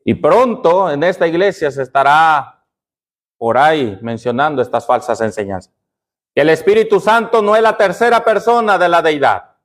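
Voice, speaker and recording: High-voiced preaching man quizzing the pews. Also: lively intonation, moderate pace. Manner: call-and-response questioning of the congregation. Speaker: pastor. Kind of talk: sermon.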